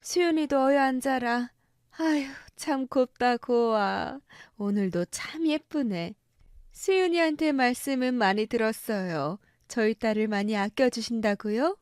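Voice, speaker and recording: A weary, long-suffering wife pleads with her family in a fairly high voice in a story radio drama, as a woman acts her out. The recording is dry and close. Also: measured pace, darkish tone, smooth, no room sound. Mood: gracious.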